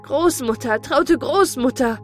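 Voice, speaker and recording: A woman voicing an old female apple seller in a storybook reading, loud and sharp-tongued, with a higher voice. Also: slow, soft background music. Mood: softened. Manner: loud, scolding, shrill.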